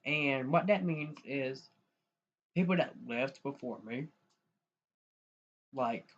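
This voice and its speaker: A young American YouTuber with a medium-pitched voice talks slowly and casually to viewers while sharing his screen, rambling and restarting often. His mic sounds dull and lo-fi, with faint noise.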